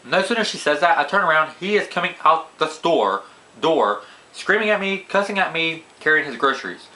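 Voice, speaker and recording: A young man telling a casual story to camera, voice jumping up high when he quotes himself. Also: very animated, normal speed, pushed and bright, rough recording. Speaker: vlogger. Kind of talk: casual story time while eating.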